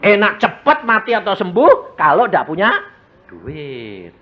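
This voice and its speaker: Man, Javanese accent, evangelist sermon, fairly high voice, jokey rhetorical preaching. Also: wildly swooping pitch, a little slow, highs cut off.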